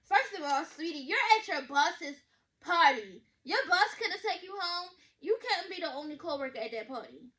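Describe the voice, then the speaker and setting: A woman, reacting to a story in blunt, sassy, animated casual commentary. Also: extremely high pitch, moderate pace. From Baltimore, USA. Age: 20s. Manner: blunt, sassy, loud and animated with slang and swearing. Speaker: vlogger reacting to a reader's story.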